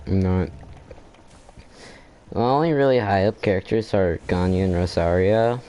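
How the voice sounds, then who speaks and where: A low, dark, clean-sounding male voice speaks unhurriedly. As he plays through a game's story quest, he delivers laid-back let's-play commentary, thinking aloud, frequently trailing off and restarting his sentences, and reacting with short exclamations.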